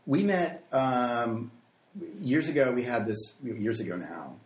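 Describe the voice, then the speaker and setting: A man's voice: medium pitch, big pitch swings, takes it slowly. A man with a standard American accent, speaking casually as an interview guest. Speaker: screenwriter and podcast guest. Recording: echoey room.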